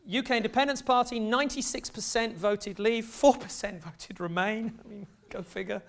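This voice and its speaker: A middle-aged man with an English accent lectures in a lecture hall. His voice sits high for a man, and he keeps a loose, conversational manner with dry little asides. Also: fairly even intonation, normal speed, vocal fry, a bit bright, slight background noise. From England. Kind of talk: academic lecture.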